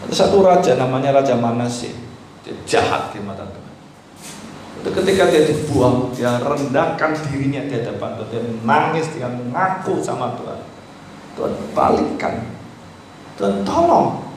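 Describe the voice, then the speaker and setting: A male pastor preaching an animated sermon, swinging between loud and hushed, now and then mimicking pleading voices. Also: mid-range voice, moderate pace. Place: church hall. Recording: very echoey church with faint background noise.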